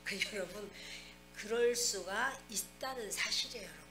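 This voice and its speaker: A woman pastor preaching a sermon, speaking directly to her congregation with lively asides. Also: mid-range voice, moderate pace. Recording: echoey church hall with music behind.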